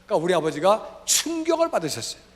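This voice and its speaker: A middle-aged male pastor preaching a revival sermon, telling family stories and acting out the dialogue with lively energy. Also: sits high, fast. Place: church sanctuary. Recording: long church reverb.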